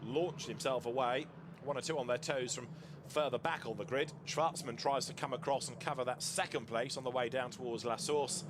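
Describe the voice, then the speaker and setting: A man's voice: medium pitch, steady tone, moderate pace. A man giving live motorsport commentary, describing the action in flowing, vivid phrases as a race commentator. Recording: loud engine and outdoor track noise. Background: racing cars and trackside ambience.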